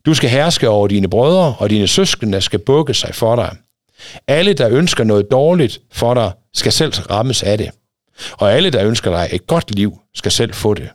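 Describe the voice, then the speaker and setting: A man reading aloud, voicing the old father Isaac in a slow, solemn way. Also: medium pitch, dry recording, clean studio sound, close to an everyday voice. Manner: slow and solemn when blessing.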